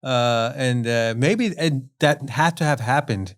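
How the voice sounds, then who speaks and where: A man's voice: medium pitch, slow. A man chatting casually as a podcast guest, rambling and laughing often, trailing off mid-sentence. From USA.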